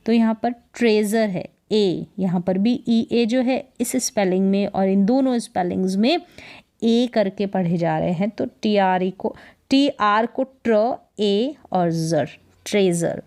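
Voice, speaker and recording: A woman's voice: medium pitch, measured pace, mellow. A woman teaching English reading in Hindi, breaking words into syllables and repeating each sound with quiz-like questions. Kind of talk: spelling and pronunciation lesson.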